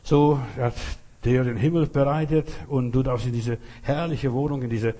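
Preaching at normal speed, this man has a warm, mid-range voice with fairly even intonation. He talks right to the listener, often asking "you understand?", with abrupt surges of emphasis.

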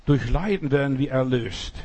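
A man's voice: mid-range voice, animated, normal speed, a little mellow, slightly rough. A man preaching an emphatic sermon and acting out the quoted voices.

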